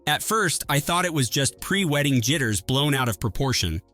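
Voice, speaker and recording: A man telling a first-person story in an even, measured scripted narration. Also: mid-range voice, faint music behind.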